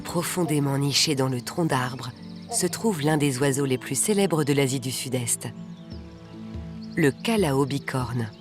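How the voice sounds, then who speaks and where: A narrator reading a scripted nature documentary in a measured, articulate way. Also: medium pitch. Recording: background music under the voice. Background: music.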